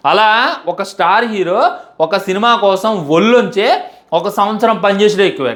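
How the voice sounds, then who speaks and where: A young man delivers a heartfelt fan monologue, stacking up repeated phrases and pleading with the audience. His voice sits a little higher than most men's. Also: fairly bright tone. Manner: emphatic, repetitive, pleading. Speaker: fan commentator.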